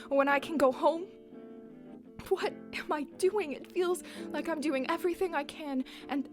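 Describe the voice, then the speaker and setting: A frazzled teenage time traveler talking to herself in an audio drama monologue, acted by a woman. Her voice is high and slow, with plucked guitar music playing beneath it. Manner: frantic, rambling inner monologue.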